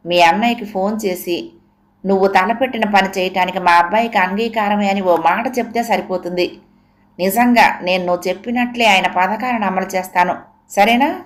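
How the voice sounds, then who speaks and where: Woman reading as a short-tempered greedy son who raises his voice, storybook reading, mid pitch. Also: normal speed, natural voice. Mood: coaxing. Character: impatient greedy adult son, quick to anger.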